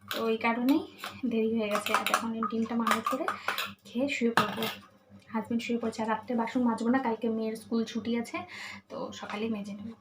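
A woman in her thirties speaking in a hushed voice in her kitchen at night, chatting to her vlog viewers. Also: fairly high pitch, steady tone, fast talker, very noisy. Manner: speaks quietly so as not to wake her husband. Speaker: vlogger. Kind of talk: casual hushed vlog talk. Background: dishes and cutlery clinking.

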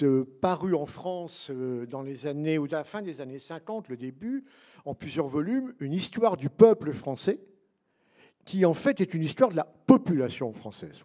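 A man's voice: fairly high pitch, animated, normal speed, mellow. A man who is one of a book's authors, answering an audience question at a public talk, digressive with wry asides and many fillers.

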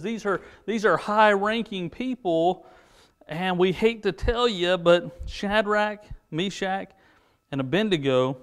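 An American man with a high, light voice teaches a children's church class. He retells a Bible story casually, slipping into quick paraphrased voices for the characters. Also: fairly bright tone.

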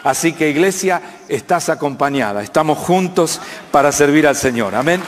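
Argentine male pastor, 50s, high voice, call-and-response sermon, long church-hall reverb. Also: animated, moderate pace, crowd noise, noisy background. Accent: Argentine Spanish. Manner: preaching with call-and-response questions to the congregation.

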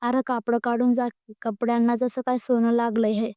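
A bantering, scolding household elder, as a woman storyteller voices her, spoken in a smooth, mellow tone. The voice stays fairly high but flat. It sounds close and dry. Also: moderate pace, no echo, lightly acted. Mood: teasing. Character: teasing bossy older woman of the household.

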